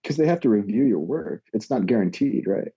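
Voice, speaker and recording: A man's voice: on the low side, animated, brisk, dark tone, slightly rough, dry recording, highs cut off. A man talking as a podcast guest in a casual, laid-back way, rambling a little and joking dryly. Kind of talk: casual chat.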